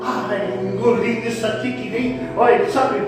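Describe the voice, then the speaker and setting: With a high-pitched, fairly even voice at a moderate pace, a pastor preaches a playful sermon in a church hall, teasing the people in the pews and playing out family scenes. The distant mic captures a roomy reverb, and music can be heard in the background.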